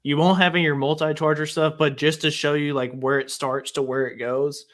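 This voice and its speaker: A man's voice: on the high side, level tone, brisk, fairly bright tone. A man hosting a casual podcast chat, easygoing and inviting. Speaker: podcast host.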